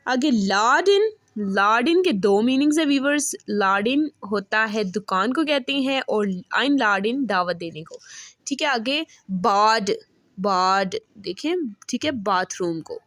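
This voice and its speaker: A woman teaching an online language lesson, speaking at a very slow, deliberate pace in a fairly high voice. She repeats each example word and keeps checking in with her viewers. The sound is dry and close, with no room around it. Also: animated, fairly bright tone, no echo. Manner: repeats words slowly and says "ठीक है" often.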